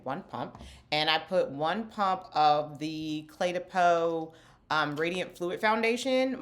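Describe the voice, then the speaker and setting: A middle-aged woman, a skincare company founder, chatting candidly while doing her makeup for a vlog. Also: low voice. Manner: candid, chatty, self-deprecating. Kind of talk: get-ready-with-me makeup chat.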